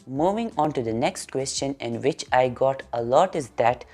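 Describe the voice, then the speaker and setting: Young Pakistani-accented woman, very low mellow voice, earnest casual vlog Q&A. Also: lively intonation, moderate pace, soft background music. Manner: earnest, simple phrasing with repeated intensifiers. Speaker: doll artist answering viewer questions.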